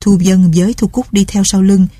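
A woman narrating a novel aloud with calm, steady storytelling. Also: mid-range voice, normal speed, breathy edge, dry recording, studio quality.

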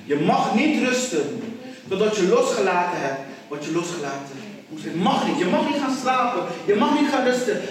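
A man's voice: sits high, very animated, normal speed. A man preaching a sermon, urging his congregation on and repeating phrases for emphasis. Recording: echoey hall, distant mic, congregation audible.

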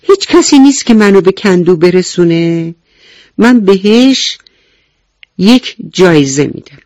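A woman voicing an eager, greedy little ant in a children's radio story, in a high, excited voice that calls out. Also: no echo, close to an everyday voice.

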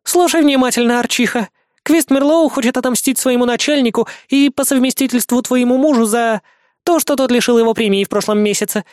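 A man's voice: very high voice, brisk, a little mellow, clean tone, no room sound, clean studio sound, voice pushed up. A man voicing a spoiled, capricious young female devil-elf in an audiobook, with a whiny, squealing, bossy manner. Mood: commanding.

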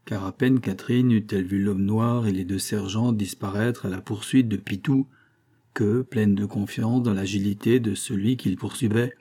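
A man narrating a classic novel as an audiobook in a measured, even reading. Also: on the low side, husky. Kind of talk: scripted narration.

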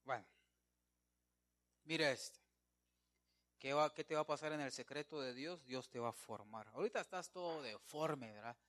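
A man preaching an evangelical sermon, emphatic, keeps calling his listeners brother, swinging between loud declarations and quiet asides. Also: medium pitch, moderate pace, long pauses.

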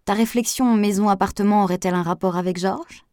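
A woman reading an audiobook, voicing a lively, impulsive young woman who talks emphatically. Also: mid-range voice, fast talker, dry recording, studio quality, lightly acted.

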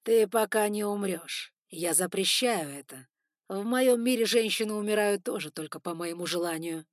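Woman voicing a loud, cruel spider lord. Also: deep voice, little pitch movement, moderate pace, breathy edge, no room sound, clean studio sound. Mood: commanding. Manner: commanding, loud, menacing. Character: domineering male spider lord, harsh and cruel.

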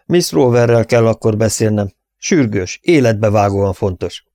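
A man's voice: lowish voice, lively intonation, dark tone, no room sound, clean studio sound. Man reading as a curt cowboy hero. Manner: terse, commanding. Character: tough young cowboy hero giving curt orders.

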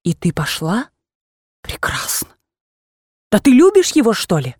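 A woman voicing an agitated, blunt old aunt in an audiobook, with sharp exclamations that jump from low mutters to high cries. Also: lively intonation, moderate pace, dry recording, studio quality, lightly acted. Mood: scolding. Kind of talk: audiobook character reading.

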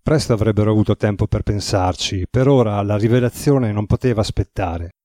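A man reading a novel aloud as an audiobook narrator, in an even, measured way. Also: on the low side, no room sound, clean studio sound.

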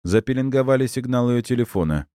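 A man's voice: medium pitch, lively intonation, dark tone, dry recording, clean studio sound, voice pushed up, close to an everyday voice. A man playing a smug, cynical colonel. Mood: cold, sarcastic. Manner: measured, sarcastic, slow deliberate words.

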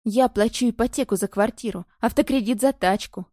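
A woman's voice: on the high side, brisk, mellow, no echo, studio quality, close to an everyday voice. A woman reading the lines of a desperate, spiteful young woman who pleads and accuses in an audiobook. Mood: bitter. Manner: pleading then bitter and accusing.

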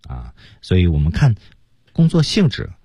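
A male radio host teaching English in a bilingual lesson, often breaking into English phrases with big exaggerated pitch jumps to demonstrate them. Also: very animated, moderate pace, mellow, breathy edge, no room sound, clean studio sound. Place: radio studio.

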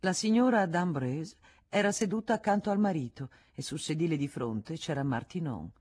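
A woman reading a classic novel aloud in a measured, expressive way. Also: sits low, husky. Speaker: audiobook reader. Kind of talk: literary audiobook narration.

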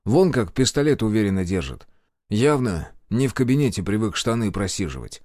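Male audiobook narrator, animated, dry close read. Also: on the low side, a little fast, no echo. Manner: expressive storytelling. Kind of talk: first-person audiobook narration.

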